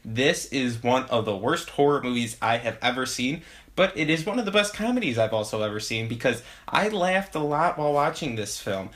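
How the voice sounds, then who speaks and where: A man's voice: medium pitch, expressive, normal speed, a bit bright. A young man giving a casual video movie review, sarcastic and laughing while he talks.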